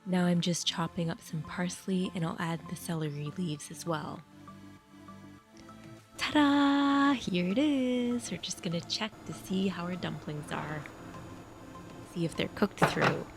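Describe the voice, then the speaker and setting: A woman's voice: fairly low pitch, steady tone, moderate pace, creaky, faint music behind. A woman hosting her own cooking channel, talking viewers through a recipe in a chatty, upbeat way and speaking to them directly. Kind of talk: casual cooking demonstration.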